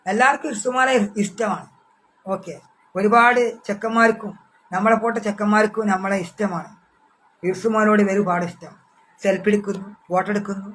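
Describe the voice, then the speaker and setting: High-voiced man with Malabar accent. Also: a bit bright, a little hiss or hum, poor audio. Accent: Malabar Malayalam. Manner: speaks of himself in the third person; repetitive, halting, with many restarts. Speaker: social media personality. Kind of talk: casual livestream talk to fans.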